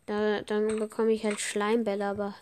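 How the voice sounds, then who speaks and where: A woman chatting casually while playing a game for her podcast, excitable and chatty, with frequent slang exclamations. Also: mid-range voice, moderate pace, a little hiss or hum. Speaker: gaming podcaster. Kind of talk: casual gameplay commentary.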